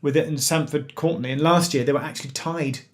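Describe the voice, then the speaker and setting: A man's voice: on the high side, fairly even intonation, brisk. A man with a London accent hosting a casual livestream, rambling and laughing often. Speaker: railway YouTuber host.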